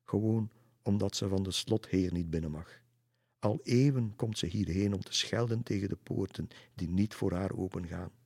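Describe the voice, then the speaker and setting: A man's voice: low voice, moderate pace, darkish tone, slightly rough, no echo, clean studio sound. A man voicing a cheeky boy who teasingly tells ghost stories about a castle in a storybook reading. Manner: teasing, knowing.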